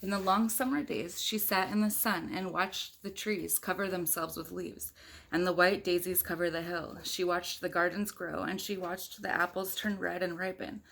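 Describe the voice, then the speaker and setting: Her voice is lowish and fairly even in intonation, moving at a moderate pace with some vocal fry and a slightly bright quality. As a mother reading a picture book to young children and viewers, she keeps the storytime informal, chatting and asking questions.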